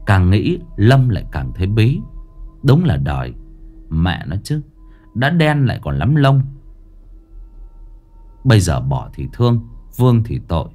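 A man narrating a ghost story in an expressive, dramatic way. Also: on the low side, measured pace, long pauses, faint music behind.

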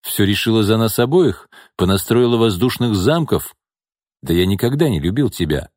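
A man voicing a cold, calm, mocking wealthy older man in an audiobook. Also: fairly low pitch, moderate pace, no echo, clean studio sound.

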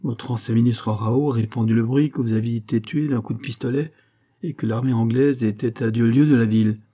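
A man's voice: mid-range voice, steady tone, a little fast, dark tone, natural voice. A man reading the part of a nervous male servant in an audiobook, with an anxious, pleading manner. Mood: urgent.

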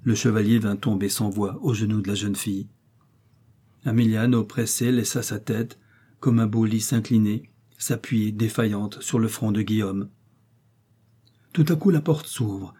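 A man's voice: fairly low pitch, moderate pace, dark tone, husky. A man narrating an audiobook of a historical romance in a lyrical, dramatic reading style.

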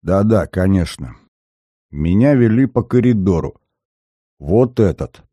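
A man voicing a hoarse, wounded young man. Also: low-pitched, animated, unhurried, warm tone, no room sound, clean studio sound, exaggerated voice. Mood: strained. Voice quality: hoarse, groaning. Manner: frantic, gasping outbursts.

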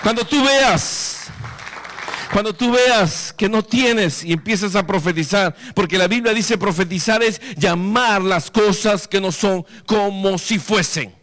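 A male preacher with a somewhat high voice delivers a sermon in a dramatic storytelling manner, acting out scenes with vivid sound effects. He speaks straight to his listeners and urges them to act. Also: a little slow, a bit bright, a faint crowd. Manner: addresses listeners directly, exhorting. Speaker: pastor.

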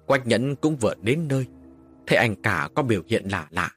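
A man narrating a dramatic story with an expressive, lively delivery. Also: medium pitch, moderate pace. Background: faint music.

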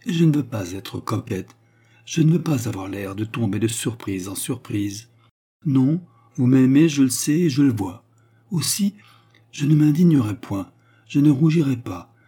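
A man reading the lines of a young woman who feigns repentant love, in an earnest, softly dramatic tone. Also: mid-range voice, lively intonation, normal speed, breathy edge. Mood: pleading. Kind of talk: audiobook character reading.

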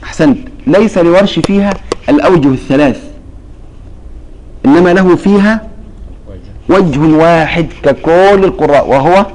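A man's voice: on the high side, moderate pace, pauses often, darkish tone, a little hiss or hum, poor audio. A man teaching a religious recitation lesson, explaining patiently and quizzing his students with repeated questions. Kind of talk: classroom lesson.

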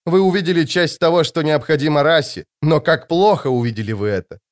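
A defiant young male leader, acted by a man reading an audiobook speaks in a raised, forceful, declaiming voice. His tone sits fairly high for a man and carries cold command. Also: brisk, lightly acted.

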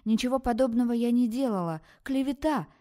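A woman's voice: fairly low pitch, normal speed, dark tone, lightly acted. A woman voicing a loyal young female student, the heroine's earnest friend in an audiobook. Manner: earnest, pleading.

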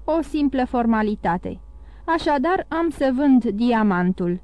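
A woman voicing a calm, sly male priest who talks in an even, coaxing way in an audiobook. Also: on the high side, no echo, close to an everyday voice.

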